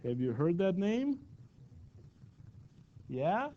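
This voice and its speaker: A man's voice: high-pitched, sing-song, drawn-out words, lo-fi sound. A man teaching a math class in a classroom, chatty and often asking his students questions. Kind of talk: classroom lecture.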